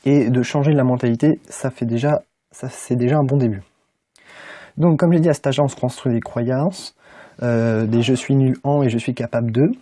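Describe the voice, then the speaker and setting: Young French man, casual and husky. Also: mid-range voice, steady tone, moderate pace, dark tone, no echo. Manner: informal, many "euh" fillers, speaks directly to viewer. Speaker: English-learning YouTuber. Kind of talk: casual motivational talk to camera.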